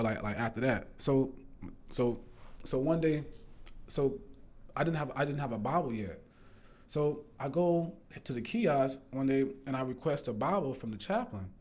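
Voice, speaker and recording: A man's voice: medium pitch, expressive, normal speed, pauses often, a little mellow. A man casually telling a personal faith testimony, rambling and earnest, full of fillers, restarts and "bro". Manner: earnest, swears the story is true. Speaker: storyteller sharing a faith testimony.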